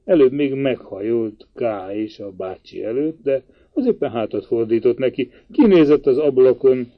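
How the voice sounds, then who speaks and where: A man narrating a literary audiobook in a measured, even reading voice. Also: mid-range voice, dull audio. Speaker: audiobook reader.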